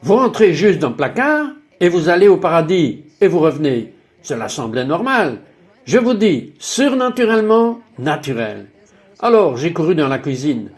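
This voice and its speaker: A man's voice: on the high side, very animated, moderate pace. A man narrating a dubbed personal testimony in an emphatic, exclaiming way, full of wonder.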